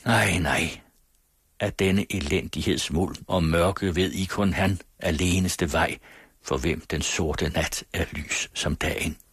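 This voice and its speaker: A man narrates a classic story in a low, husky voice, his reading measured and solemn with an old-fashioned literary cadence. The sound is dry and close to the mic. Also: fairly even intonation, dry recording. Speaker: audiobook reader.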